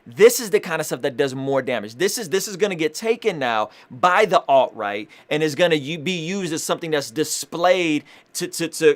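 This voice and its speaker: A young man giving impassioned commentary to his audience, restarting phrases and using casual slang like "fam" and "bro". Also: fairly high pitch. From Armenian family. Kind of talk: direct-to-camera commentary.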